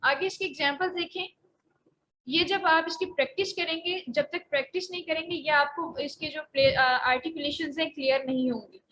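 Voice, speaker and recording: A woman's voice: sits high, fairly bright tone, slight background noise, rough recording. A woman teaching Quran recitation in an online lecture, explaining pronunciation patiently with frequent hesitations. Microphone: voice only, face not shown.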